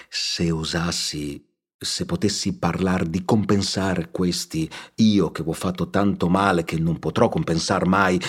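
A repentant nobleman, read by a man, pleads in humble, solemn tones. His voice is low and husky. It is a storybook reading. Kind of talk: audiobook reading.

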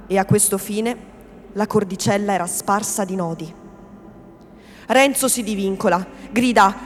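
Woman giving a measured theatrical reading. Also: medium pitch. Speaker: actress reading a novel aloud. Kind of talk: theatrical reading of a classic novel. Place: reading event in a hall. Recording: long hall reverb, faint background noise.

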